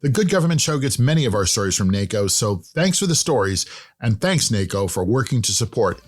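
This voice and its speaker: A man's voice: mid-range voice, big pitch swings, a little fast, soft background music. Folksy male podcast host. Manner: friendly, folksy, jokes lightly. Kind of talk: scripted podcast narration and interview.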